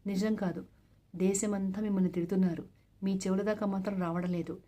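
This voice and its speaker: A woman's voice: medium pitch, steady tone, fairly quick, mellow, natural voice. A woman reading as a pleading young wife. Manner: pleading, earnest.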